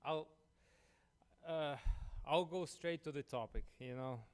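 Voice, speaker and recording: A man's voice: on the high side, slow, clean tone. Ukrainian-accented man presenting at a conference. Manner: chatty, leans on "you know" and "uh". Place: conference room.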